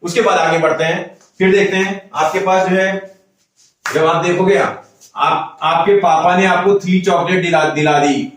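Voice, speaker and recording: A man's voice: sits high, fairly even intonation, a little slow, far from the mic, a little hiss or hum. A man teaching a maths lesson, patiently counting aloud and talking to the student as if to a child. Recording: echoey room, voice away from the mic.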